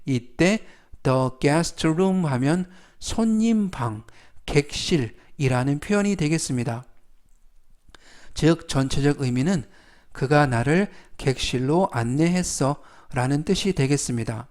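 A man teaching English vocabulary in a formal, polite manner, saying each word slowly and repeating it. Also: on the high side, expressive, darkish tone. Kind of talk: slow, scripted vocabulary lesson.

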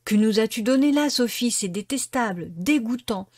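A rough, bossy young boy, indignant and pushing others around, as a woman reading a storybook aloud plays him. The voice is raised and forceful, recorded dry and close. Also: fairly high pitch, lively intonation, normal speed, dry recording. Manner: indignant, bullying.

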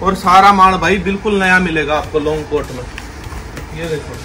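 Filmed on a handheld phone inside a large clothing warehouse, a young wholesale clothing seller rattles off a pushy, repetitive pitch for a sales video. His voice is slightly raised and a little high, moving at normal speed. Music is clearly audible behind him, and the recording is rough.

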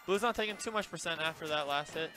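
A man's voice: on the high side, fast talker, pushed and bright, faint music behind. A young man commentating a live gaming tournament on a headset, laid-back and chatty with a joking streak. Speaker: esports commentator. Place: small game center room with shelves.

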